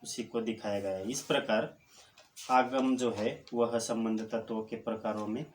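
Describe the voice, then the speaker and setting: A middle-aged man giving an online grammar lecture, listing terms one by one with pauses and filling gaps with a drawn-out "a". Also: lowish voice, steady tone, a little hiss or hum. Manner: slow, deliberate, lists terms one by one with pauses. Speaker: college lecturer.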